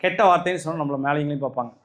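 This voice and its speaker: High-voiced emphatic Tamil man preaching. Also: very fast. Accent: Tamil Nadu. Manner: emphatic, repetitive, addresses listeners directly with rhetorical questions. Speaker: spiritual speaker. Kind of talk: spiritual talk to followers.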